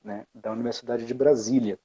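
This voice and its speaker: A man from Bahia, Brazil, reflects on his journey as a music educator in a casual interview, his speech full of fillers and restarts. His mid-range voice is sing-song, gravelly, warm and a bit breathy, moving a little fast, and the audio has its highs cut off.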